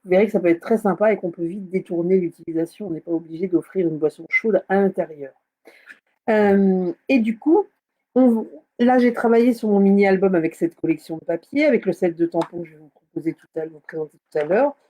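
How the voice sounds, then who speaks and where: A woman's voice: mid-range voice, a little fast, dark tone. A woman hosting a casual live craft tutorial, chatting with many fillers and hesitations. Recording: slightly dull lo-fi sound.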